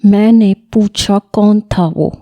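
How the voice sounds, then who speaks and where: A man's voice: high-pitched, fairly even intonation, dark tone, lo-fi sound. A woman reading the lines of a brash, possessive young foreign man in a romance audiobook. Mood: demanding. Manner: demanding, possessive. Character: brash young American man speaking accented Urdu.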